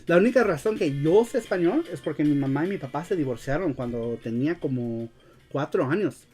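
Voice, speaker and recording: A man's voice: on the high side, expressive, brisk, a little mellow, husky. Male streamer host, English native, Mexican-accented Spanish, hesitant and slangy, faint music behind. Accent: Mexican-style Spanish, learned as a second language. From United States, grew up in Los Angeles. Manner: hesitant, searching for words, slangy. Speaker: show host. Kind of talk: casual live-stream chat.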